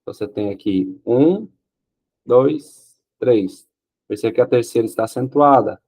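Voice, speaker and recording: A Brazilian man teaches Portuguese grammar for an exam in a medium-pitched, slightly slow, slightly mellow voice with a breathy edge. He explains step by step, asks questions and answers them himself, and often checks in with "ok?".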